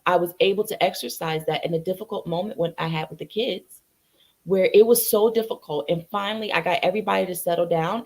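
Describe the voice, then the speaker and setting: A woman hosting a show for mothers, sharing a personal story in a heartfelt, slightly teary way. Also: lowish voice. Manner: emotional, heartfelt, a little teary. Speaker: podcast host. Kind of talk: casual interview chat.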